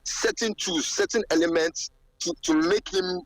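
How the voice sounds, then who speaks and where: This radio caller, a Ghanaian man with a Ghanaian accent, phones in over his car speakerphone while on the road, his fairly high voice keeping a moderate pace. He speaks with passion, repeats his phrases and rises to fervent exclamations, all on dry, poor-quality audio.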